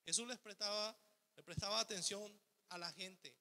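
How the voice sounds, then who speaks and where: High bright preaching man in reverberant hall. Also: normal speed. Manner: preaching, rhetorical questions, acts out the ego's voice. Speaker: pastor. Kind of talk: sermon. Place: church hall.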